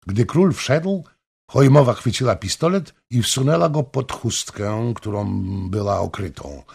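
A man narrating a historical novel in a dramatic, expressive reading style. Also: mid-range voice, a little slow, creaky, breathy edge. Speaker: audiobook narrator.

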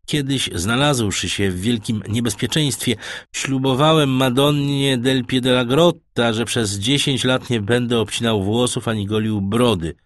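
A man voicing a calm, self-assured shipwrecked sailor in an audiobook. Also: mid-range voice, a little slow, dry recording, studio quality, lightly acted. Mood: steady.

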